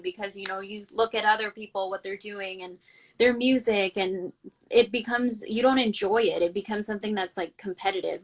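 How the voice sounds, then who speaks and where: Hosting a casual interview, this woman, born in El Salvador and raised in Canada, rambles earnestly and thinks out loud, filling gaps with "you know" and "like." Her voice is mid-range with a fairly bright tone.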